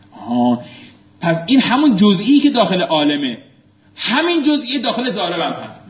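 A man with a fairly high voice teaches a class and quizzes his students. His tone swings from loud prompts to low asides. The recording is muffled and lo-fi and picks up a lot of echo from the room. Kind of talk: classroom lecture with call-and-response drilling. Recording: echoey room, muffled lo-fi sound.

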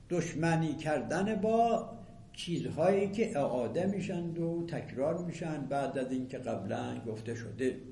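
A man giving a classroom lecture on Arabic rhetoric, reciting verses slowly and then explaining them plainly. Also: a little high, mellow. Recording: echoey room with faint ambient noise.

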